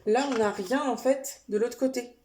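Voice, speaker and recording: A woman's voice: a little high, normal speed, darkish tone, a little hiss or hum. A woman chatting casually to camera as she shows a shopping haul, talking in a hesitant way with many fillers and small self-corrections. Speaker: vlogger showing a shopping haul.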